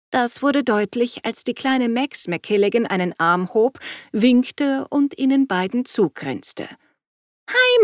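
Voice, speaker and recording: A woman reading a novel aloud in an even storytelling delivery. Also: mid-range voice, no echo, studio quality. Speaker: audiobook narrator. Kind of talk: scripted narration.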